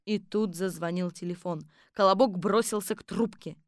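Female audiobook narrator, dry studio, steady storytelling. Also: mid-range voice, moderate pace, dry recording.

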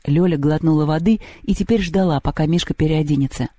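A man reads a storybook aloud at a measured, even pace. His voice is mellow and a bit high for a man, recorded close and completely dry. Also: dry recording. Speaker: audiobook narrator. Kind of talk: storybook narration.

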